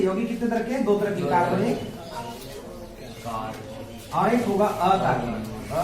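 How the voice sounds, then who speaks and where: A high-pitched man teaches a science class, drilling his students with repeated questions and fondly calling them "babu." His voice rings through an echoey classroom, picked up from a distance with steady background noise. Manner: calls students "babu" affectionately. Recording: echoey room, voice far from mic, background noise.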